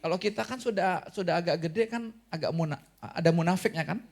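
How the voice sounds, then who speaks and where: A man pastor giving a lively, conversational sermon in church, often putting questions to the congregation. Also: high-pitched, a little fast, vocal fry. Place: church hall.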